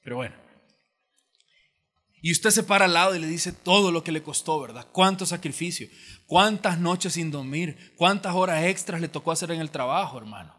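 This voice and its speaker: A man's voice: fairly high pitch, lively intonation, normal speed, fairly bright tone. A man preaching a sermon as pastor in a church auditorium, telling stories in a conversational way and acting out the voices he quotes. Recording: long hall reverb from church auditorium.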